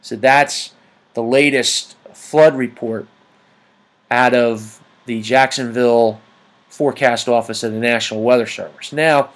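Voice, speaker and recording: Man giving a halting weather briefing. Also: mid-range voice, steady tone. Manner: hesitant, halting delivery with frequent ums. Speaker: amateur weather report host. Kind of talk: informal weather briefing over screen maps.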